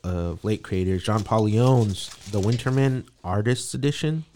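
A man co-hosting a comics podcast in casual chat, chatty and quick to agree. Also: lowish voice, warm tone, a little hiss or hum. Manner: chatty, frequent agreeing backchannels. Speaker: podcast co-host.

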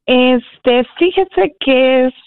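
A woman in her forties from Latin America speaks as a caller, casual and tentative. Her voice is a little high with marked fry. It arrives through a thin telephone band. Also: extremely slow, no echo. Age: 40s. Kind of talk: casual, tentative question to a host. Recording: narrow, phone-like call line.

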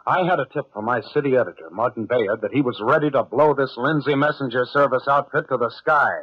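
An actor playing a brash young newspaper reporter in a 1950s radio drama, talking quickly and urgently. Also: male voice, mid-range voice, husky, dull audio, natural voice.

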